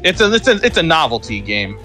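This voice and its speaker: A young man playing games with friends, joking and swearing with quick reactions. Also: fairly high pitch, very animated, pushed and bright, soft background music. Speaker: guest player. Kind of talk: casual let's-play chat.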